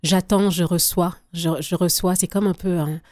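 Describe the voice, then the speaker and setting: Haitian-accented woman, soft thoughtful speech. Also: lowish voice, steady tone, normal speed, no echo, studio quality. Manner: reflective, laughs often, many restarts. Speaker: singer-songwriter guest. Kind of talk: radio interview conversation.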